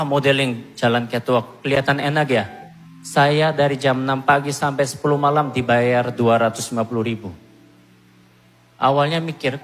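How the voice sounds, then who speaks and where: A man from Korea giving a personal testimony to a church congregation, telling his story in an animated, self-mocking way. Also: medium pitch, long reverb tail. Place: church hall.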